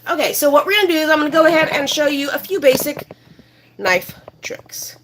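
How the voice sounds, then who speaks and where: A slightly high-voiced woman walks through a recipe in her home kitchen. She talks in a chatty, rambling way with plenty of fillers as she hosts her own cooking show. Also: fairly even intonation, very fast, fairly bright tone, a little hiss or hum. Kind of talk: casual cooking demonstration.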